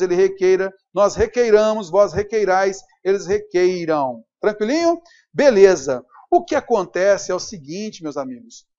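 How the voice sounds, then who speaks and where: A man's voice: high voice, darkish tone. A man with a Brazilian Portuguese accent teaching a grammar lesson at a whiteboard, upbeat and checking in with his students. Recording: dull lo-fi recording.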